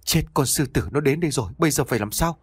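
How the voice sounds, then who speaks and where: A man's voice: a little high, lively intonation, fast talker, slightly rough, dry recording, pitched above the performer's own voice. A male storyteller voicing a terrified old man who stammers and hurries his words.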